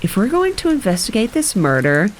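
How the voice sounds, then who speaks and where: A woman reading the part of a brisk, scheming older woman sleuth in a novel reading. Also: medium pitch, wildly swooping pitch, slight background noise, low-quality recording. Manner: brisk and commanding, fakes weeping.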